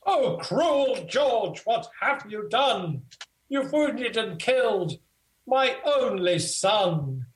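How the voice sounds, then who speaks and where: A man's voice: sits high, very animated, drawn-out words, slight background noise, full character voice. A man playing a grieving, blustering old king in a declaimed comic folk play. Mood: grieving, reproachful. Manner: theatrical, declamatory. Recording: echoey room.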